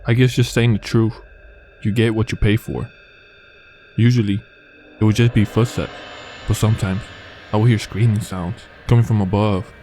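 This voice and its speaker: A man narrating true horror stories in a calm, even storytelling manner. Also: fairly low pitch, normal speed, long pauses, slight background noise. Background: faint background music.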